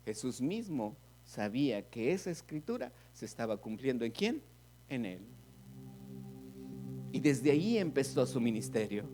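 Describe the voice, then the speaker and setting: A man with a Mexican Spanish accent preaching a sermon as pastor, animated, acting out the voices of congregants. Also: mid-range voice, a little slow. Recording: music playing behind.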